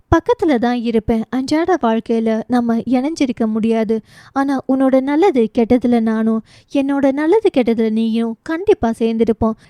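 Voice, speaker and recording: Woman playing a firm loyal young woman friend in a storybook romance, earnest, mellow tone. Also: fairly high pitch, no room sound, close to an everyday voice.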